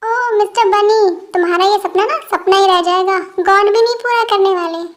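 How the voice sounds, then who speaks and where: A woman voicing a bubbly, bossy young female college student who talks loudly and teases playfully. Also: very high-pitched, normal speed, pitched above the performer's own voice. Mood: teasing. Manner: teasing, loud, playful.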